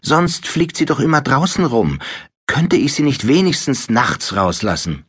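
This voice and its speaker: A man's voice: mid-range voice, very animated, fairly bright tone, breathy edge, full character voice. A man voicing an earnest, put-upon young wizard boy who keeps trying to explain himself. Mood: pleading. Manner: pleading, quick to explain himself.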